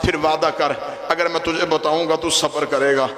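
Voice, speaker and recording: A man doing a gentle, tearful holy leader. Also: fairly high pitch, fairly even intonation, normal speed, lightly acted. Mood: sorrowful. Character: sorrowful, patient male holy leader consoling his brother. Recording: echoey hall, long reverb.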